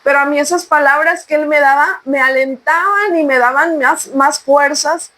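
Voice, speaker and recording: A woman with a high, light voice talks through her own story in a relaxed podcast chat. She speaks earnestly and turns to the listener with heartfelt urging. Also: moderate pace, poor audio. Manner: earnest, exhorting listeners directly. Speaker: podcast co-host sharing testimony. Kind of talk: conversational faith testimony.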